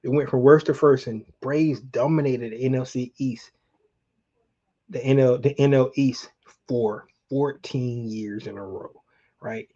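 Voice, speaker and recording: Talking to his viewers directly in a colloquial, conversational way, a middle-aged Atlanta man hosts a sports livestream and reminisces as a fan. His medium-pitched voice is dark, steady and a little slow, and the recording sounds muffled.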